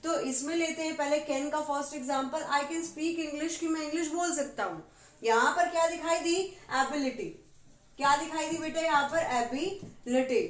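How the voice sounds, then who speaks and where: A woman English teacher giving a classroom grammar lesson, explaining in Hindi and reading English example sentences slowly, often checking with "ठीक है". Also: high voice. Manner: keeps asking questions and says "ठीक है" often. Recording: roomy with faint background noise.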